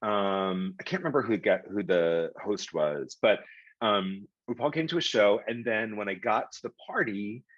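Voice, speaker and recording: A man's voice: fairly low pitch, expressive, normal speed, a bit bright, no echo, highs cut off. A middle-aged man telling stories as an interview guest, rambling with lots of fillers and restarts. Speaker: guest, publishing executive. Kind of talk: casual storytelling in an interview.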